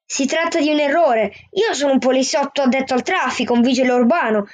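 A woman voicing a kind male traffic policeman who talks calmly and reassuringly. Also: high voice, fast talker. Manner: calm, reassuring.

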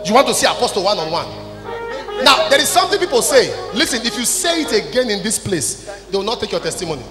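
This sing-song, fast-talking Nigerian preacher has a high voice that rings through the large hall. Holding a microphone on stage as the apostle leading the service, he scolds the congregation in short, emphatic sentences while music plays behind the echoing PA.

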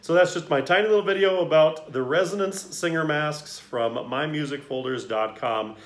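A man's voice: fairly high pitch, normal speed. A man reviewing a singer's mask while wearing it, chatting in a friendly way with plenty of ums and uhs. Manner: friendly, hesitant with many fillers. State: through a face mask. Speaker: choir director. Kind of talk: casual product review. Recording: echoey room.

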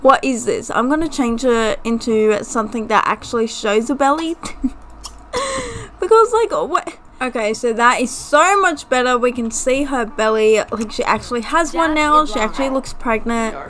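High, bubbly woman gaming host. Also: moderate pace, few pauses, a little hiss or hum. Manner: chatty, excitable, giggly. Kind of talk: casual gameplay commentary. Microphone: desktop USB mic.

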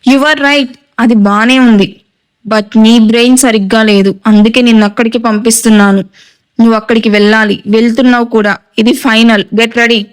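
A woman's voice: on the high side, fairly even intonation, normal speed, clear, resonant tone, lightly acted. Woman reading as a cold, commanding elder brother. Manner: cold, commanding, clipped orders. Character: stern domineering young man, hot-tempered elder brother.

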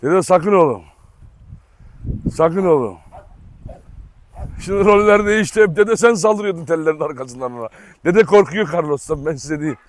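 A man's voice: a little high, animated, normal speed, pauses often. A man, a dog breeder hosting a vlog, chatting casually to his viewers and calling to his dogs in an outdoor kennel yard. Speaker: dog breeder and channel host.

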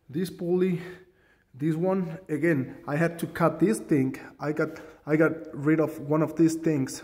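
A man with a somewhat high, slightly mellow voice casually demonstrates a tool modification in his home garage workshop, rambling, self-deprecating, and saying um a lot. He's filmed on a handheld phone camera, and the sound is like a large hall.

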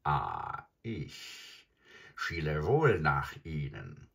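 A man reads as a huge old crocodile from a storybook with a voice that sits very low and sounds husky and grainy. He is boastful and sly and savors every word. His telling moves slowly but rises and falls a lot. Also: huge pitch swings, a bit bright, heavily acted.

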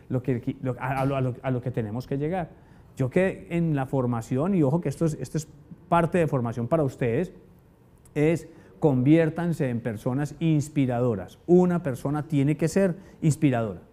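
A man teaching a motivational sales lesson to an audience, telling stories and asking rhetorical questions. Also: a little high. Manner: animated storyteller, asks rhetorical questions. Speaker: sales trainer.

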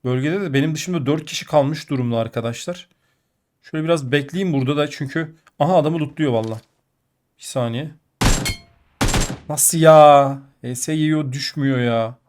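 A man's voice: on the high side, a little fast. Congested, nasal man commentating gameplay. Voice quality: muffled, nasal. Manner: excitable, jumps between muttering and outbursts. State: sick, blocked nose. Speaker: mobile game player.

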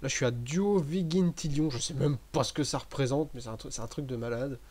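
A man giving relaxed, chatty commentary over a game he is playing, with many fillers and restarts. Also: medium pitch, fairly quick. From French-speaking. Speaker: gaming commentator. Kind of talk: casual gameplay commentary.

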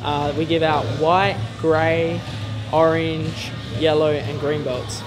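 A man's voice: on the high side, little pitch movement, slow, over loud music. A jiu-jitsu coach, a man, answering interview questions plainly with many ums and uhs. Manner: hesitant, many fillers.

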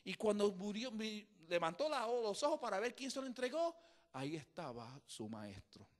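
A man's voice: sits high, very animated, normal speed. A man preaching a sermon, telling a story and building to emphatic, repetitive exhortation. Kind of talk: bilingual sermon with interpretation.

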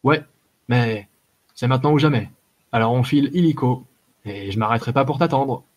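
A man voicing a gruff, mocking old male warrior in an audiobook, with blunt soldier's slang. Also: mid-range voice, normal speed, natural voice. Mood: scheming. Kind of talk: audiobook character voice.

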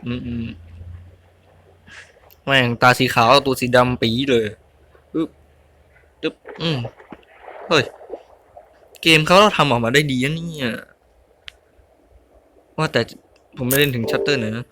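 Bright-voiced man muttering over a game. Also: mid-range voice, takes it slowly, pauses often, slight background noise. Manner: mutters and grunts while playing, exclaims at mistakes. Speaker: gaming YouTuber. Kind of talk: casual let's-play commentary.

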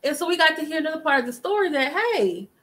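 A middle-aged woman talks straight into her webcam in a home living room, hosting a live commentary stream. Her voice sits a bit high and sounds bright and forward. She speaks emphatically and breaks off to greet viewers in chat. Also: big pitch swings, fast, rough recording. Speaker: livestream commentary host. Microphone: webcam at desk distance.

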